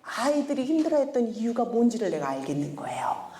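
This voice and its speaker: Middle-aged woman lecturer, expressive and theatrical, swoops high and low, heard in a roomy space. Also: fast, a little hiss or hum. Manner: animated, acts out quoted scolding in a sharp voice. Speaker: seminar lecturer, head of a character-education school. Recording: roomy echo.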